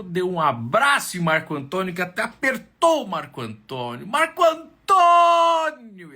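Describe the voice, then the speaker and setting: Animated Brazilian man telling a story. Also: mid-range voice, husky. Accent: Brazilian Portuguese. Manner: animated, with tag questions and bursts of shouting. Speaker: camp storyteller. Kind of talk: oral storytelling.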